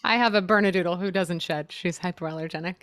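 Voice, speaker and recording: A woman's voice: on the low side, fast, dry recording, studio quality. A woman in her thirties co-hosting a casual podcast over a video call, bubbly and teasing, giggling often. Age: 30s. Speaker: podcast co-host. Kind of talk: casual chat.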